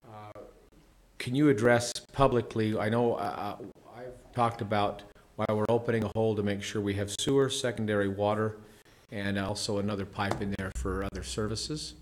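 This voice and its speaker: Low-voiced man chairing a meeting. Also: little pitch movement. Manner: procedural, halting with fillers. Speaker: commission chair.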